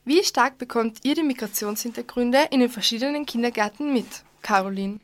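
A woman's voice: on the high side, brisk. A young woman hosting a radio interview, reading formal questions from a script. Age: young adult. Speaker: interview host.

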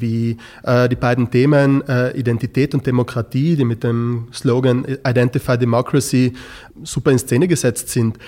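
A teacher from South Tyrol, taking part in a school project, answers interview questions thoughtfully and hesitantly, with many filler sounds. His voice is medium-pitched with a darkish tone.

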